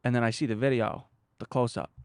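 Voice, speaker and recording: A man's voice: medium pitch, fairly even intonation, a little fast, clear, resonant tone, no room sound, clean studio sound. A man interviewing someone in a conversational way, with short emphatic phrases and pointed questions.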